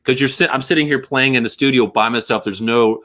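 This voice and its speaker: A middle-aged man chats as a musician guest in a casual interview. He rambles and restarts his sentences, riffs freely and jokes easily. His talk stays loose and animated. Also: mid-range voice, brisk. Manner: rambling, animated, jokey riffing.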